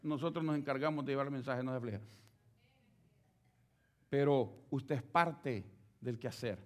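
A man's voice: mid-range voice, normal speed. A man preaching a sermon, speaking straight to his listeners with rhetorical questions. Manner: animated, addresses listeners directly with rhetorical questions.

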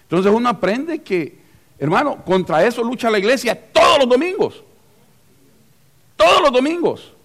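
A man preaching a lively sermon in church as pastor, acting out little scenes and asking the congregation questions. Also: very high voice, normal speed, vocal fry, long pauses. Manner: animated, acts out scenes and voices, asks the congregation questions.

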